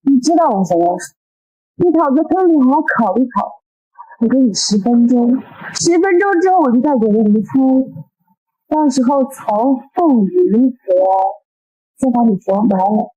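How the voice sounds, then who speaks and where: Controlled, vengeful young woman; high voice, quiet menace. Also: lively intonation, highs cut off. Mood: cold. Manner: measured, coolly threatening. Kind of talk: short web drama acting.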